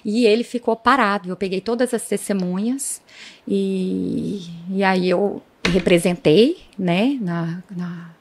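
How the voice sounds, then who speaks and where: A woman's voice: medium pitch, slow pace, slight background noise. A woman, a police chief being interviewed, telling her story vividly and often speaking to the audience. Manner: vivid, dramatic retelling, often addresses the audience.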